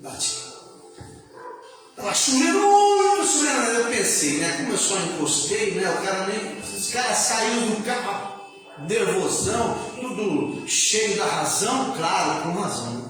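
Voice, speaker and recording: A man preaching a sermon, telling a story in a chatty way, then rising into shouted, sung-out preaching. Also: high-pitched, expressive, normal speed, heavy reverb, in a large hall, recorded from a distance, soft background music, rough recording. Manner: conversational, peppers lines with "né?" and laughs. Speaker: pastor. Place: church.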